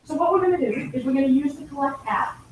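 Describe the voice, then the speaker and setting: Woman pitching a startup in an echoey room. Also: expressive, quick pace, distant mic, a little hiss or hum. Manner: explanatory, guiding audience step by step. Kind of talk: business pitch with live demo.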